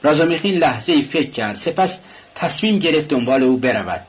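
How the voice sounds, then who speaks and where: Husky male audiobook narrator. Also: a little high, animated, muffled recording. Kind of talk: audiobook reading.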